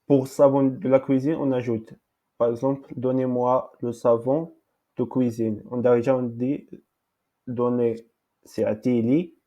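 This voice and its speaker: A man giving a language lesson in French, slowly repeating words, with many fillers and pauses. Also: medium pitch, level tone, lo-fi sound. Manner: halting, many fillers and repetitions. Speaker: language teacher.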